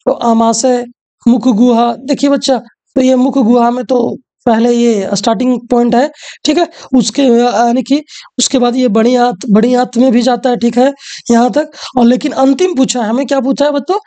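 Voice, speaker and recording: A woman's voice: a little high, fairly even intonation, moderate pace, dark tone. A woman teacher, walking through exam questions and often asking the students rhetorical questions.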